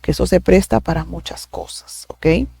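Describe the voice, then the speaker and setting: A man's voice: a little high, steady tone, normal speed, gravelly, warm tone, husky, no echo. A man gives cautionary preaching commentary, addressing his listeners as brothers. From Peru.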